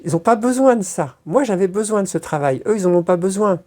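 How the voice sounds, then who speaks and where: A woman's voice: medium pitch, lively intonation, fairly quick, dark tone. A woman being interviewed, telling stories in a rambling casual way, with many hesitations and crude slang. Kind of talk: casual storytelling.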